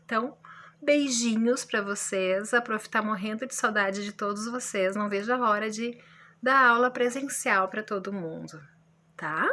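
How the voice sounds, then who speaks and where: A woman's voice: mid-range voice, normal speed, bright, forceful tone. A Brazilian woman teaching a grammar lesson to schoolchildren, speaking in a friendly way with exaggerated intonation and often checking in with "tá?". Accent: Brazilian Portuguese.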